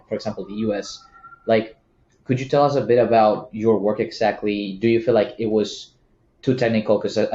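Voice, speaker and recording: Low-voiced male host, roomy sound. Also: darkish tone, muffled recording. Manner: chatty, many likes. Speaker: podcast host. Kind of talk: casual interview.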